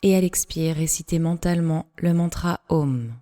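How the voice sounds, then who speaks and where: In a guided relaxation meditation, a woman yoga instructor speaks with a low-pitched, mellow voice. Each measured instruction is a short phrase followed by a pause.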